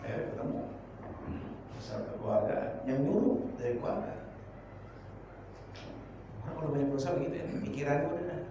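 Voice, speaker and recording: A man's voice: fairly high pitch, lively intonation, fairly quick, pauses often, noisy background. A man preaching an informal sermon, mixing street slang with Arabic prayers. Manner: colloquial Jakarta slang mixed with Arabic prayers. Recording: echoey room, distant from mic.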